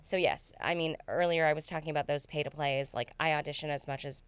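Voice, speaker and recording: A woman hosting an online acting Q&A over a video call, chatty and agreeable, often chiming in with quick replies. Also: deep voice, fairly even intonation, clear, resonant tone, no room sound. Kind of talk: casual conversational chat.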